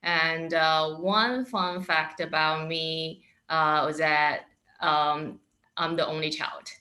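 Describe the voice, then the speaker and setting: Man from China, slow hesitant delivery, bright tone. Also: on the high side, fairly even intonation. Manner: unhurried, hesitant, many fillers. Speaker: panelist, MSx student. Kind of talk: panel answers.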